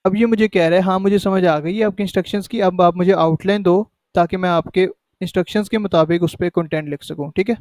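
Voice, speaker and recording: Talking fast with few pauses, a man runs a casual screen-recorded tutorial step by step, frequently checking in with "ठीक है". His voice is high, steady and somewhat dark, with no room sound.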